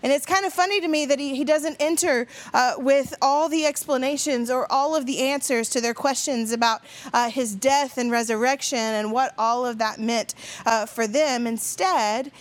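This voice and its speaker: A middle-aged woman pastor preaching in a conversational storytelling way, with many fillers. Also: a little high. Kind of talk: sermon.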